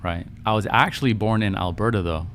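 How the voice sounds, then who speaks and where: This Vancouver-raised Canadian podcaster and live stream host has a fairly low, fairly bright voice, speaks fairly quickly, and carries a little hiss or hum. He keeps his casual stream chat affirming, repeats phrases often, and makes sure people understand.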